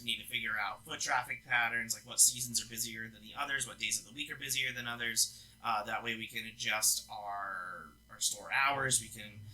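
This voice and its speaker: Bright-voiced young man chatting casually. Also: medium pitch, rough recording. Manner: loose and chatty, with many fillers and restarts. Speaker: co-owner of a gaming lounge. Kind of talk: casual business update chat.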